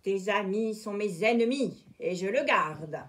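A woman reading aloud voices a nasty male pirate captain in a children's storybook, slow, emphatic and gloating. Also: medium pitch, animated, lightly acted. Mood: defiant.

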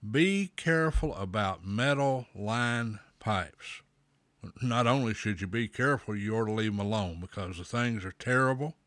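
A man hosting a pipe smoking show, giving slow, folksy advice with a pipe in his mouth. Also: on the low side, fairly bright tone, dry recording. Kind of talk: casual talk to camera.

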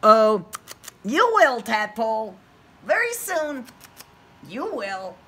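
Playful bouncy rabbit voiced by a lady reading, bright, swoops up and down. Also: on the high side, wildly swooping pitch, slow, vocal fry, a little hiss or hum, pitched above the performer's own voice, exaggerated voice. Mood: reassuring. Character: bouncy self-assured rabbit.

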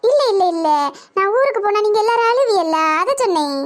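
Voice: very high-pitched, animated, a little fast. A voice actor playing a sly young village woman who sweet-talks the others, in a cartoon comedy. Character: scheming young village woman poisoning the sisters.

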